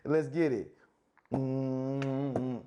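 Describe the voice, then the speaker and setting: A man co-hosting a podcast, talking in slow, drawling street slang. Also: mid-range voice, fairly even intonation, dark tone. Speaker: podcast co-host. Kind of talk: casual chat.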